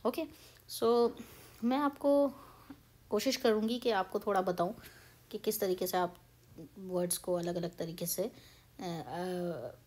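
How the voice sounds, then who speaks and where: एक युवा भारतीय महिला, भारतीय लहजे में, हिंदी और अंग्रेज़ी मिलाकर, धैर्य से उच्चारण का पाठ बातचीत के अंदाज़ में समझाती है।. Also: female voice, mid-range voice, steady tone, takes it slowly, long pauses, darkish tone. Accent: Indian English. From India. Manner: chatty, mixes Hindi and English, explains patiently. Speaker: pronunciation teacher. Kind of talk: casual spoken lesson.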